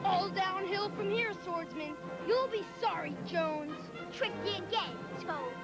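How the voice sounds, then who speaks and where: A woman voicing an excitable child playing out adventures with action figures in a toy commercial, theatrical and taunting. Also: very high voice, unhurried, full character voice. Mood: playful taunting. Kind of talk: toy commercial play-acting. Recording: old TV ad, loud music.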